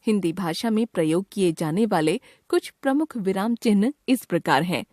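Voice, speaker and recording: Lively-voiced woman teaching children. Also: medium pitch, dry recording, clean studio sound. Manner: clear, measured explaining to children. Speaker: grammar teacher. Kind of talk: scripted lesson narration.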